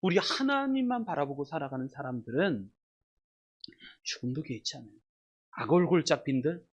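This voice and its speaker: A pastor delivers a sermon with a lively, swooping voice. The delivery is dramatic, swinging from loud emphasis to near-whispered asides. The speaker repeats single words for weight and puts rhetorical questions straight to the congregation. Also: mid-range voice, breathy edge, lo-fi sound. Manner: addresses the congregation directly and asks rhetorical questions.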